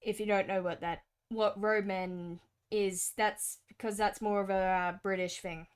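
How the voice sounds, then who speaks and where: A woman's voice: medium pitch, fairly even intonation, measured pace, clear, resonant tone. A young Australian woman with an Australian accent, chatting casually and rambling on with lots of fillers while she draws on stream. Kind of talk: casual chat while drawing.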